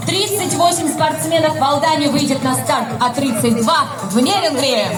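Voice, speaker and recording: A woman's voice: sits high, normal speed. A woman working as a stadium announcer, formally declaiming scripted ceremonial welcomes for sports teams over a public-address system. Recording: echoing PA sound with music. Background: music.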